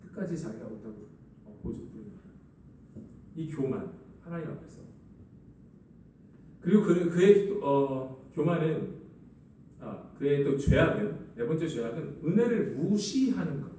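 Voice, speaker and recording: A man's voice: fairly high pitch, sing-song, measured pace, long pauses, dark tone, recorded from a distance, a little hiss or hum. A man preaching a sermon as a pastor, acting out the lines he quotes. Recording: echoey hall, voice from afar.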